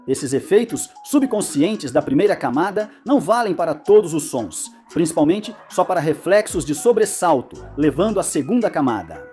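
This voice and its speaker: Explainer narrator, medium pitch, animated delivery, light music underneath. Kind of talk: scripted educational narration.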